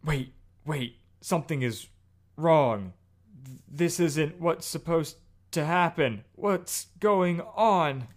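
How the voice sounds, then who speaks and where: A man's voice: fairly high pitch, lively intonation, slow pace. A man voicing a gloating villain in a theatrical monologue, as part of a podcast recap. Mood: alarmed.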